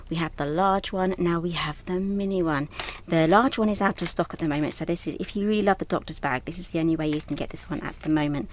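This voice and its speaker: With a lowish voice and slight background noise, a craft designer casually presents her new designs at a launch, chatting away with rambling enthusiasm. She comes from southern England, though she was born in Yorkshire.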